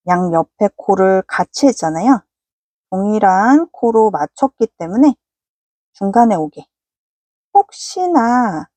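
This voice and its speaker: A woman's voice: mid-range voice, dark tone, no room sound. A woman giving a patient, polite step-by-step crochet tutorial. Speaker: crochet instructor.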